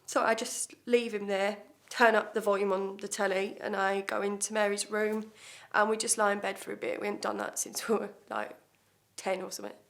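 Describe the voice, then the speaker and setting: A woman's voice: medium pitch, level tone, brisk, few pauses, fairly bright tone, lightly acted. A woman acting a blunt, defiant woman, confessing under questioning in a swearing, hesitant self-tape monologue. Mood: cold defiant. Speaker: actor.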